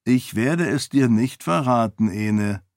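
A man voicing an older king and father in an audiobook, speaking in a dry, gently teasing way. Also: medium pitch, lively intonation, slow pace, no room sound. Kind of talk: audiobook character voice.

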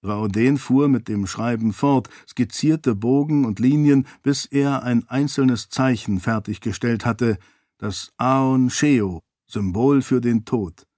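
Audiobook narrator: a man with a mid-pitched voice who reads steadily and evenly, recorded dry. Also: slow, mellow, dry recording. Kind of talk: scripted narration.

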